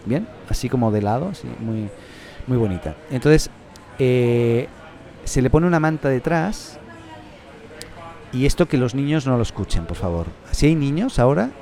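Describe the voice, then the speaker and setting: A man's voice: medium pitch, animated, moderate pace, dark tone. A man with a Catalan accent hosting a casual podcast, rambling and joking with lots of restarts. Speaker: podcast host.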